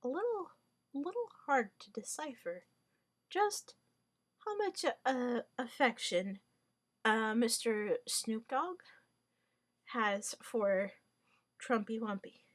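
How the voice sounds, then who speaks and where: Her voice sits on the high side and sounds animated, though she takes things slowly and leaves long pauses. A native Hungarian speaker, she rambles wryly through a monologue, hesitating often with fillers, restarts and mock-formal wording.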